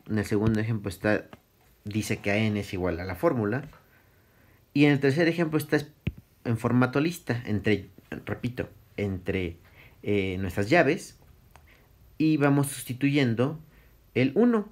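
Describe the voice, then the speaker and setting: With a fairly low voice and a little hiss or hum in the recording, a middle-aged math teacher delivers a relaxed classroom lecture. He reasons out loud, fixes his mistakes as he goes, and laughs softly when he slips up.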